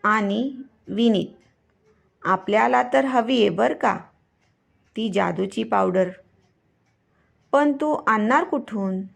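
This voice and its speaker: A woman voicing a laid-back young male roommate who calmly reassures his friend in a spoken story. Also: on the high side, takes it slowly, creaky, long pauses, exaggerated voice. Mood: reassuring. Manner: calm, soothing reassurance.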